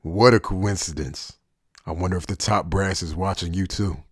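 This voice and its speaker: Man playing husky, deep, cynical anime outcast Kugo Ginjo. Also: fairly even intonation, normal speed, no echo, studio quality. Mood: bitter, resigned. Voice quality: husky, low. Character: cynical, guarded male former Soul Reaper turned traitor. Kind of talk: anime fan dub acting.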